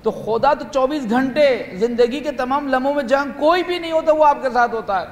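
A man preaching to a gathering, animated, acting out little scenes and asking the audience questions, rising loud and dropping soft. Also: very high voice. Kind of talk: religious talk to young people at a retreat. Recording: echoey hall with faint room noise.

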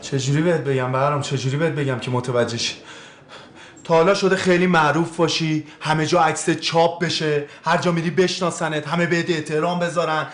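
An actor playing a vain, bitter former national team footballer who rants and takes offence easily. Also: male voice, a little high, steady tone, close to an everyday voice. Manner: boastful, quick to take offence, ranting. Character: vain washed-up ex-footballer, bitter and self-pitying. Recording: roomy echo.

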